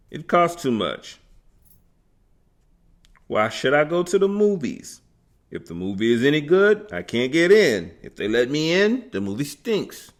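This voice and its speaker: A man's voice: mid-range voice, a bit bright, voice pushed up. A man reading aloud who voices a whiny, self-pitying, defeatist party guest grumbling about life. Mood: sour grumbling.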